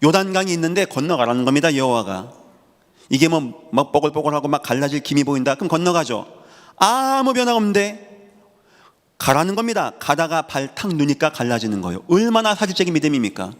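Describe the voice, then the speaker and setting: A man's voice: a little high, animated, fast talker. A man preaching a sermon as pastor, emphatic, with phrases repeated for stress and voiced quotes. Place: church sanctuary. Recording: long reverb of a church sanctuary.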